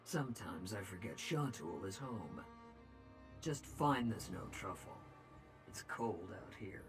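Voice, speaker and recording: An actor voicing a gruff, curt Orc clansman in a video game, his voice echoing hollowly inside a helmet. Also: low voice, animated, slow, exaggerated voice. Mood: gruff, matter-of-fact. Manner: curt, blunt, reluctant. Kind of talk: video game character dialogue. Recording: game music behind the voice.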